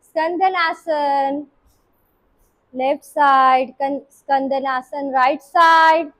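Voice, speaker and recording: A woman leading a live yoga class, calling out poses in short, brisk commands. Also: high voice, steady tone, fairly bright tone, poor audio. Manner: brisk, commanding cues mixing Hindi and English. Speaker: yoga instructor.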